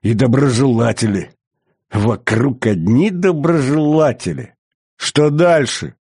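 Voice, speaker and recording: A man's voice: medium pitch, takes it slowly, darkish tone, breathy edge, dry recording, studio quality, voice pushed up. A man voicing a young prince who coldly and mockingly accuses his grandmother. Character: young prince, cold, scornful and hateful. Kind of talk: audiobook character voice.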